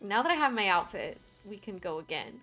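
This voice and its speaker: A young woman livestreaming a game, chatting casually and excitably, quick to giggle and squeal. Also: mid-range voice, faint music behind. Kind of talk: casual gameplay commentary.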